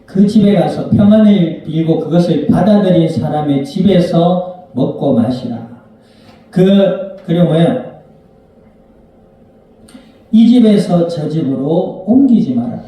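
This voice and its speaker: Korean pastor preaching in an echoey church. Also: male voice, on the high side, expressive, takes it slowly, pauses often, warm tone. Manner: conversational preaching, asking the congregation questions and acting out little scenes. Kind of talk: sermon. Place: church sanctuary. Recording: very echoey church hall, mic at a distance.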